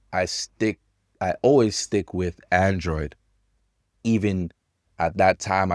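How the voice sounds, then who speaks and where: A man in his thirties teaching English to learners, talking about technology in slow, simple sentences with pauses. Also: deep voice, darkish tone, no room sound, clean studio sound. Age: 30s.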